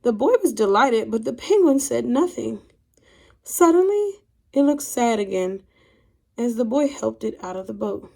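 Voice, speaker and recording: This teacher's voice is a little high yet gravelly and dark, and she reads a picture book to young children in a very animated way. She keeps a measured pace throughout the storybook read-aloud.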